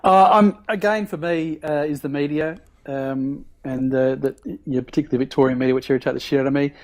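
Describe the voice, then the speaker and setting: A man on a podcast panel, talking haltingly with many ums and uhs. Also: on the high side, fairly even intonation. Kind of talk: casual chat.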